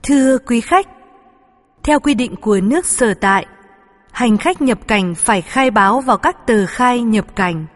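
A woman's voice: on the high side, animated, unhurried. A woman speaking as a flight attendant, reading formal, polite scripted in-flight announcements. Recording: long hall-like reverb.

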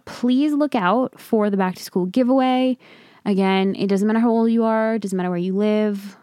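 A woman's voice: medium pitch, darkish tone, smooth, dry recording, studio quality. A young woman hosting a casual solo podcast from home, chatting in an upbeat, rambling way. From Long Island, New York. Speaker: podcast host.

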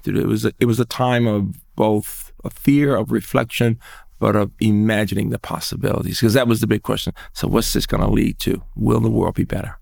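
Gravelly older man reminiscing. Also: on the low side, steady tone, fairly quick, darkish tone. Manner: earnest storyteller, thoughtful and emphatic. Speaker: guest, educator. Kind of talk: recounting memories in conversation.

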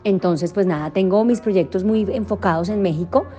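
A woman's voice: mid-range voice, moderate pace, warm tone, highs cut off, soft background music. A young adult woman from Colombia, a voice actor and singer, answering interview questions thoughtfully with frequent restarts and fillers.

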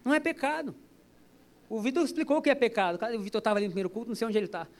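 Very high-voiced joking pastor man. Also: lively intonation, racing. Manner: chatty, joking, storytelling. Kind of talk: sermon. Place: church service.

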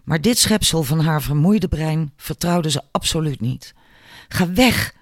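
A man reading an audiobook in a measured, expressive storytelling manner. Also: on the high side, no room sound, studio quality. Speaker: audiobook narrator. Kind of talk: scripted narration.

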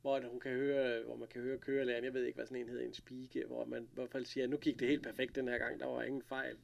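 Gravelly man retelling a story. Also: medium pitch. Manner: retells scenes with lively quoted lines and frequent laughs. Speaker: podcast co-host recapping an episode. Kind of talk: casual chat.

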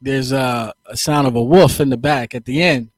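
Middle-aged man, musician, casual and laid-back; mid pitch, dry close sound. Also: normal speed, no room sound. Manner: laid-back, loose slangy talk with "you know what I'm saying". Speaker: recording artist discussing his album. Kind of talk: casual chat.

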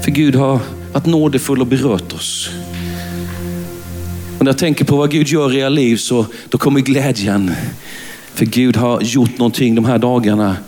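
A man's voice: medium pitch, fairly even intonation, a little mellow, soft background music. A man with a Småland accent from Värnamo, preaching a fervent sermon in church and often calling out hallelujah. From Sweden. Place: church at a conference service.

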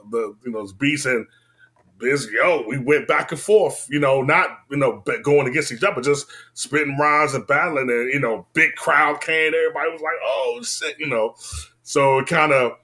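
A man in his forties with a Washington, D.C. accent, telling his story in a casual, slangy, laid-back way that drifts between loud and low.

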